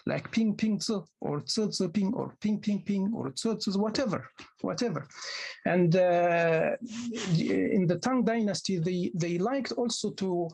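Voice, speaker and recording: A man, a native Arabic speaker, lecturing postgraduate students in a halting way, often restarting and repeating words as he explains. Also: sits high, vocal fry, a little mellow, husky. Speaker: university lecturer. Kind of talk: academic lecture.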